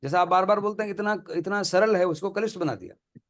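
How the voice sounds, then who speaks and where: A man with a high voice speaks briskly in a casual discussion of spiritual teachings. He's earnest and colloquial, repeats phrases for emphasis, and laughs between points.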